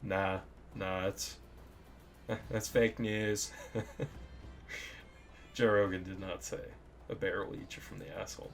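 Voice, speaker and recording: A man's voice: on the low side, little pitch movement, takes it slowly, pauses often, soft background music. A man hosting a casual comedic monologue, reciting limericks and chuckling at his own crude jokes. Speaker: video host reciting limericks.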